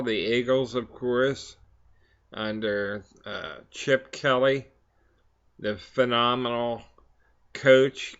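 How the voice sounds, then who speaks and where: A man talks at an unhurried, slow pace in a medium-pitched voice, pausing and hesitating as he goes. He sounds like a pipe smoker chatting casually between puffs. The recording is a little dull and lo-fi. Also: pushed and bright, clear, resonant tone. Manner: halting, hesitant delivery with frequent long pauses. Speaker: vlog host. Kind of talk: casual rambling pipe-and-chat monologue.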